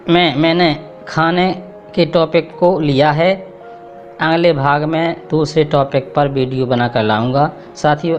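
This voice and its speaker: A man teaching a spoken English lesson, explaining patiently and reading each English sentence slowly, word by word. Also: fairly high pitch. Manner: addresses viewers as friends, explains patiently.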